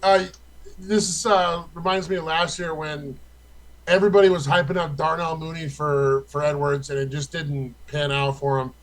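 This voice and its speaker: A man's voice: a little high, level tone, normal speed, low-quality recording. Loose, stat-rattling young man. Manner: loose and profane, rattles off stats. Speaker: fantasy football co-host. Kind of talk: casual podcast chat.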